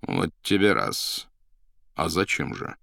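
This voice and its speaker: Man voicing an imperious male devil, slow, measured, low, gravelly. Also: sing-song, a bit bright, no room sound, full character voice. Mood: surprised. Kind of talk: audiobook character voice.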